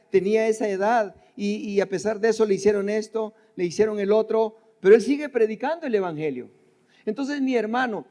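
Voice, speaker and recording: High-voiced older preacher in a reverberant hall. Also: male voice, a little mellow. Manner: conversational preaching, addresses listeners directly, repeats phrases. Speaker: pastor. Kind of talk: sermon. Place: church sanctuary.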